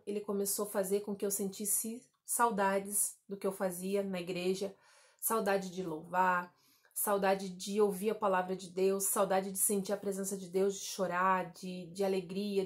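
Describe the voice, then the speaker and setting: A woman's voice: medium pitch, darkish tone. A woman in her thirties from Santa Catarina, Brazil, sharing a personal faith story in a casual vlog, talking straight to her viewers. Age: 30s. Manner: chatty, addresses viewers as "gente", many fillers like "né" and "tá". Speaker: vlogger.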